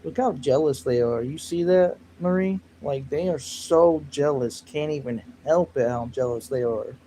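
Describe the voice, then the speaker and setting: A man with a somewhat raised pitch talks casually on a livestream. He rambles between jokes and stories and turns sharp and dismissive when he answers trolls in the chat. It is unscripted, easygoing talk. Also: moderate pace, a little hiss or hum, low-quality recording. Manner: rambling, jokey, snapping back at chat trolls.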